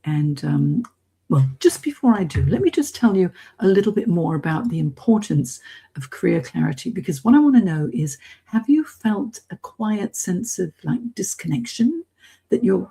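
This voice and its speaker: A British expatriate from Hong Kong, this middle-aged woman hosts a casual live-stream coaching talk, encouraging her audience directly. Her voice is on the low side, warm and husky.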